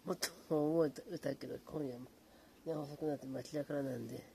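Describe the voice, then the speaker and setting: A man keeps his voice hushed while he chats late at night from a small apartment room. His tone is mellow and unhurried, and he drifts easily from greeting viewers to relaxed chatter. A faint hiss sits under the voice. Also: gravelly. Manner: hushed, low-volume talk; relaxed, rambling, fond of fillers like うん. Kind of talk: casual late-night chat.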